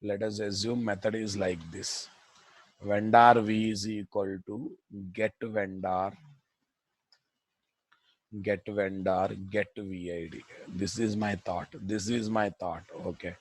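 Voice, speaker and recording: A man's voice: fairly low pitch, little pitch movement, slow pace, no echo, rough recording. A man with a Telugu Indian accent lecturing on code as an instructor, repeating phrases and prodding students with blunt questions. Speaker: programming instructor. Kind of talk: live coding lecture to students.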